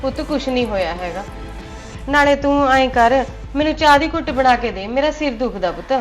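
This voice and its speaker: A middle-aged Punjabi-accented mother speaks softly and gently, reassuring her daughter-in-law while she nurses a headache, as an actress plays her. Her voice is slightly high, and faint music plays under the scene. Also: expressive, brisk. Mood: weary.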